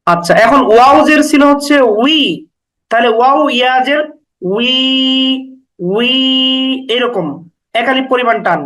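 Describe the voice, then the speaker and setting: A man gives a step-by-step lesson on recitation rules, fairly quickly and with poor audio. His voice is very high, bright and forceful; he proceeds patiently through each rule, repeating points and prolonging the example sounds, and he remains even for the entire lesson.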